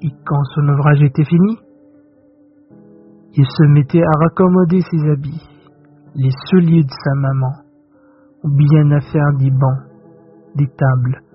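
A man narrating a fairy tale in a measured, solemn way. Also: fairly high pitch. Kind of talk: scripted storybook narration. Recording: tinny old radio recording with faint music.

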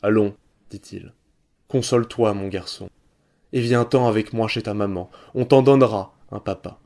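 A man voicing a big, kindly workman in a read-aloud story, speaking low and soothing. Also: moderate pace, a little mellow, natural voice.

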